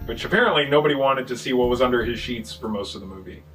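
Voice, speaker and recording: A man casually recapping a movie plot, swearing and joking, with quick voices for the characters. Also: mid-range voice, a bit bright, recorded from a distance, faint music behind, low-quality recording. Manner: profane, jokey retelling with quick voices for characters. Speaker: podcast co-host.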